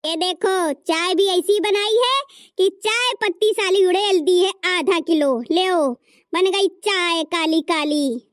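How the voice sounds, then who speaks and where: A woman's voice: extremely high pitch, slow pace, dry recording, clean studio sound. A woman voicing a harsh scolding mother-in-law. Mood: scornful. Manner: scolding, insulting. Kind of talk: cartoon story voice acting.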